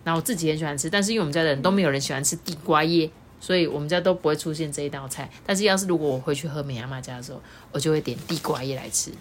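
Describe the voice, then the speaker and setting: A woman's voice: low-pitched, racing, hardly any pauses, a little hiss or hum. A woman reading a children's picture book aloud, with chatty explaining asides. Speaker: storyteller.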